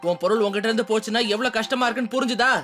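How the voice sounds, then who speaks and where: A voice actor playing a bossy young hero in a dubbed cartoon, scolding quickly. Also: mid-range voice, fairly even intonation, close to an everyday voice. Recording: music bed under voice.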